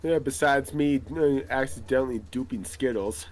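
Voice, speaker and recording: Guesting on an improvised role-play podcast interview, a man plays a boastful, middle-aged veteran magic hero. His natural, medium-pitched voice moves at normal speed, rambling and hesitant, full of filler words.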